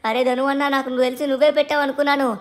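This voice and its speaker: A lazy, mischievous little cartoon boy chatters away, voiced by a woman. His voice is high and his words come quickly. He whines, pleads and schemes in a cheeky, childish way. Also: flat delivery, natural voice.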